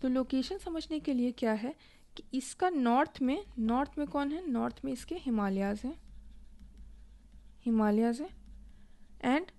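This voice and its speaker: A woman teaching an online exam-prep lesson, her fairly high voice carrying a gravelly, creaky edge. She talks slowly and deliberately because she writes as she goes. She poses a question to her students and then answers it herself. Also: expressive, mellow. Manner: explains slowly while writing, asks and answers own questions. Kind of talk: recorded online lesson, Hindi with English.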